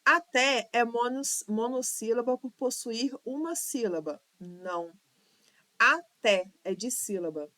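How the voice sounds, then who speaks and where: A Brazilian woman preps students for Portuguese exams online, patiently working through questions, counting syllables aloud and drawing words out to sound them. Her voice is a little high and a bit bright, with a measured pace and few pauses. There's no room sound.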